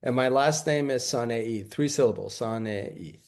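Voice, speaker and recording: A man's voice: mid-range voice, normal speed, gravelly, darkish tone. A man from New York as a podcast guest, chatting casually and telling anecdotes.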